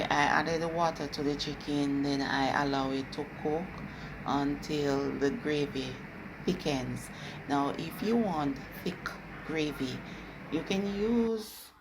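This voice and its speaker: Low-voiced Jamaican woman cooking. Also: gravelly, a little hiss or hum. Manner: chatty, instructive, slips into patois. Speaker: cooking channel host. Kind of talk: casual cooking video narration.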